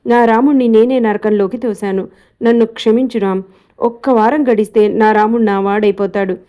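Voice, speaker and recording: A possessive young lover from a read-aloud storybook speaks eagerly and insistently, as a woman narrator puts her on. The voice is fairly high and mellow. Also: steady tone, moderate pace, close to an everyday voice. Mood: desperate.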